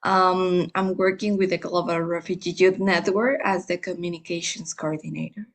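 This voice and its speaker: A woman's voice: fairly low pitch, steady tone, normal speed. A woman from Colombia, a communications coordinator, giving a brief, friendly introduction.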